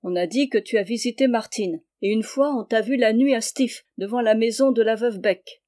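A woman reading a storybook aloud, voicing a playful, quick-talking teenage island girl with a raised, brighter voice. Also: on the high side, natural voice. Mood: teasing.

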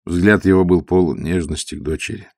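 Gravelly male audiobook narrator. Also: low-pitched, fairly even intonation, fairly quick, a little mellow, no echo, studio quality.

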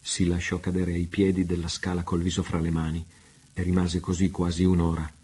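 A man reading a novel aloud, measured and unhurried. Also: sits low, monotone, warm tone, breathy edge. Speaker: reader. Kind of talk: audiobook narration.

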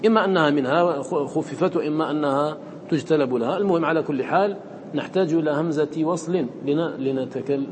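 A man's voice: fairly high pitch, noisy background. Male recitation teacher quizzing his class. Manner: asks the class questions and answers them himself; chants Quranic verses in a melodic recitation. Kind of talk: classroom lesson explaining a poem on recitation.

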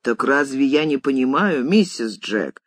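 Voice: mid-range voice, lively intonation, a little slow, breathy edge, no room sound. The reader voicing a middle-aged housemaid, meek and deferential, but chatty, with folksy repeated phrases. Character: middle-aged maid, humble but sullen and talkative.

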